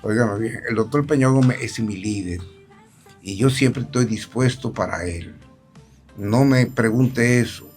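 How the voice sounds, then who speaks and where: A man's voice: medium pitch, a little slow, soft background music. An older man with a Dominican accent, a politician guest animatedly retelling events and acting out the dialogue. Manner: animated, acts out quoted dialogue. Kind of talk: storytelling interview.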